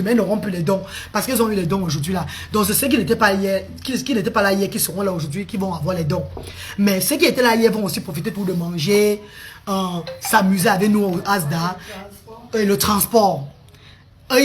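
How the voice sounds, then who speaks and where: Woman, live-stream host, mid pitch, affectionate repetitive delivery, faint room noise. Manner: repeats words, calls viewers pet names. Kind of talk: casual live-stream talk to viewers.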